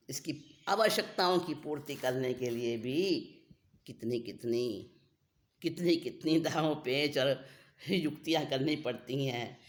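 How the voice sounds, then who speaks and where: Spiritual teacher, scriptural discourse: unhurried, pitch rising and falling widely, repeats key phrases. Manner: deliberate, repeats phrases for emphasis.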